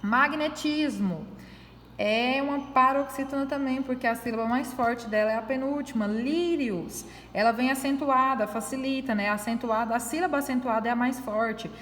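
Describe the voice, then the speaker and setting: A woman teacher with a high voice goes over a graded test one answer at a time. She explains each point patiently and keeps checking in with her students. Her voice rings with a long reverb, as if recorded in a hard-walled room. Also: steady tone, a little fast, hardly any pauses, fairly bright tone, slight background noise. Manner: patient, explaining step by step, frequent tag questions.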